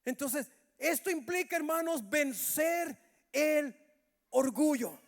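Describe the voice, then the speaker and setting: High-voiced preaching man in an echoing hall. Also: lively intonation, takes it slowly. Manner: preaching, often calls out to the brothers. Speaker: pastor. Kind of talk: sermon at a Bible study. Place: church hall. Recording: reverberant church hall.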